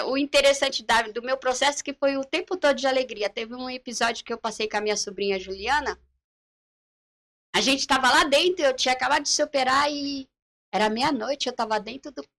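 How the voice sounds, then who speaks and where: A middle-aged woman giving a personal faith testimony on a church live stream, telling her story vividly and acting out the dialogue she remembers. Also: sits high. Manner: animated storyteller who acts out the dialogue she recalls.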